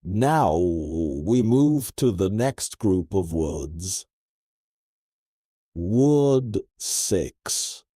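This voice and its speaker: Male relaxation-lesson teacher: calm, very drawn-out pacing, repetitive phrasing, dry close recording. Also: low voice, dry recording. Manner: calm, unhurried, repeating words with pauses. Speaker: English teacher and relaxation guide. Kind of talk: slow guided relaxation language lesson.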